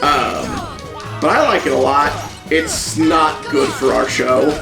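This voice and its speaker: A man with a fairly high voice, chatting and playing through a game in a laid-back way. His talk rings off an echoey room, with faint game music playing underneath. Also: slow, creaky. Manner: laid-back, swears, laughs often, exclaims while playing. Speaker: let's play co-host. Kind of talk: casual gaming chat.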